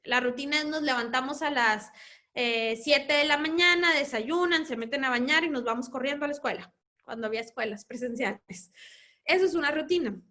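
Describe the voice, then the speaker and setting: This is a woman with a Mexican accent and a high voice giving a talk to parents on family life. She speaks as a mother herself, explaining her points and acting out what children say at home. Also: a little fast, bright, forceful tone. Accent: Mexican Spanish. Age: adult parent.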